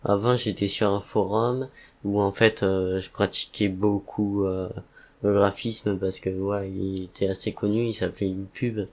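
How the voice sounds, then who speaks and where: A man speaks in a fairly low, slightly rough and rusty voice. He is subdued and relaxed, rambling casually with frequent hesitations, like a creator recording a calm evening update. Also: moderate pace. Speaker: content creator hosting a podcast-style update.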